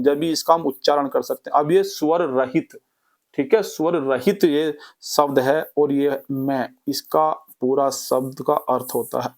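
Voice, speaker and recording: A fairly high-voiced man teaches a revision lesson. He drills the class in a lively, repetitive way, firing off questions and answering them himself. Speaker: Hindi exam-prep teacher.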